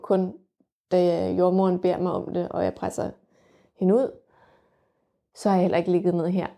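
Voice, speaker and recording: Candid young woman with a mellow voice. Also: mid-range voice. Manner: vivid, frank and reflective, with frequent fillers. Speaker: mother telling her birth story. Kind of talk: candid personal storytelling.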